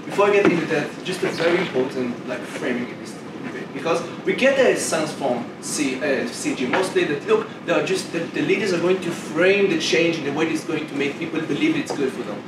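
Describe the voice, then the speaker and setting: In a noisy debate room, with roomy echo and the mic far off, a young competitive debater from Israel, a native Hebrew speaker, argues his case. His voice is a little high with lively intonation, and he halts and restarts often.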